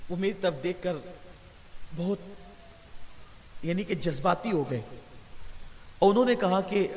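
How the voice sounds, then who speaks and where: High-voiced impassioned male preacher. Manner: impassioned, swelling louder at religious high points. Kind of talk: emotional storytelling sermon. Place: large gathering hall. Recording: reverberant hall with faint hiss.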